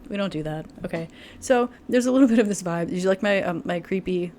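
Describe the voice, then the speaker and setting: A woman's voice: on the low side, quick pace, a little mellow, slight background noise. A woman giving a casual tarot reading to camera, chatty and full of fillers, laughing often. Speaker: tarot reader.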